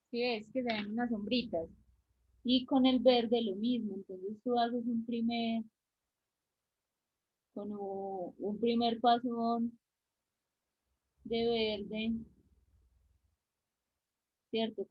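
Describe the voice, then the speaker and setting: A drawing teacher with a slightly high, husky voice and an Antioquia accent from Colombia guides her online students step by step, pausing often to check on them. The sound comes through a video call and is muffled.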